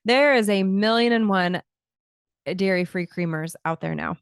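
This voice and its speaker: A woman in her thirties talks through a solo health podcast in a relaxed, explanatory way, often restarting her sentences. Her voice is smooth and clear at a middle pitch. She speaks close to a studio mic in a dry, dead room. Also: a little slow, no echo. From Scotland, early childhood. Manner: conversational, explanatory, frequent restarts and fillers. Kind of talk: casual solo podcast talk. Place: small home studio, indoors. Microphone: large studio mic close to the mouth.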